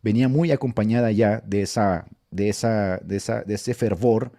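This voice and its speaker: A man's voice: lowish voice, normal speed, warm tone. A man with a northern Mexican accent, a preacher telling church anecdotes in casual storytelling talk, laughing often as he goes.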